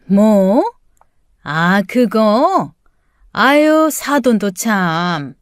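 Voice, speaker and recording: A woman's voice: mid-range voice, big pitch swings, very slow, clear, resonant tone, no room sound, studio quality. A woman voicing a scheming, condescending older mother-in-law in an audiobook, coaxing and dismissive by turns. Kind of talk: audiobook character voice.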